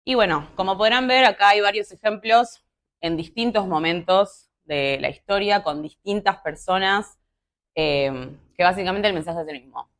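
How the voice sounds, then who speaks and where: A woman's voice: mid-range voice, normal speed, fairly bright tone. A young woman with a Rioplatense Spanish accent, giving a casual, conversational sermon full of fillers and asides. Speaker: youth preacher.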